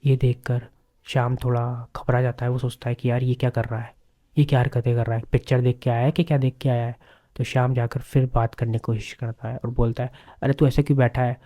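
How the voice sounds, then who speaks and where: A man's voice: mid-range voice, level tone, a little fast, dark tone. A man narrating a horror story in a casual, conversational way with repeated filler words.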